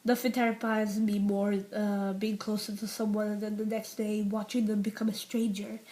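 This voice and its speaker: The recording is rough, but the voice is warm, level and medium-pitched at a normal pace: a seventeen-year-old UK vlogger giving an unscripted confession to camera. She rambles, fills and restarts a lot, and nearly whispers on painful subjects.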